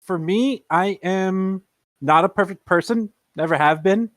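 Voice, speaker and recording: A man's voice: sits high, a little slow, a bit bright, dry recording. A man co-hosting a podcast, talking earnestly in casual discussion and repeating words as he builds his point. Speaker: podcast co-host.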